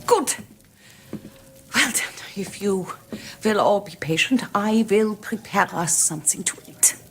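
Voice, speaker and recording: An actress playing a German hostess with a German accent, polite and quietly commanding. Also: female voice, medium pitch, lively intonation, unhurried, breathy edge, heavily acted. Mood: gracious, grateful. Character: gracious, firm German hostess and mother. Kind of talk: film drama dialogue.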